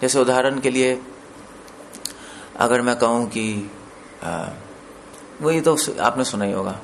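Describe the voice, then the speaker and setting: A man's voice: mid-range voice, slow, gravelly, slight background noise. A man giving a scripture discourse as a preacher, explaining word meanings step by step and checking with listeners through questions. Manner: explains with questions to listeners, mixes in English words.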